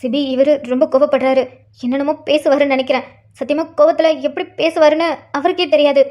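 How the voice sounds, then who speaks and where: A woman's voice: high voice, fairly even intonation, quick pace, mellow, natural voice. A woman voicing a frightened young wife who pleads in a cartoon, on a dull lo-fi recording. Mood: pleading. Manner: pleading, fearful. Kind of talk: cartoon voice acting.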